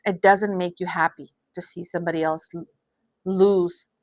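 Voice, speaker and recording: A woman's voice: fairly low pitch, fairly even intonation, moderate pace, no echo. Somber, hesitant woman giving a tarot reading. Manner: hesitant, repeats phrases, many restarts; sighs often. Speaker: tarot reader.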